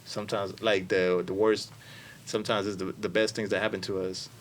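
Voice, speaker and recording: A man's voice: on the low side, level tone, brisk, slight background noise. A man hosting a casual podcast conversation, speaking hesitantly with many fillers and restarts. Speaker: podcast host. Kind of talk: casual interview chat.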